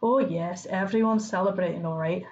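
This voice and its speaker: A woman's voice: mid-range voice, normal speed, muffled recording, slight background noise, lightly acted. Woman putting on a stern Scottish professor. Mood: impatient. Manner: clipped, irritable, sharp. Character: stern older woman professor, brisk, impatient.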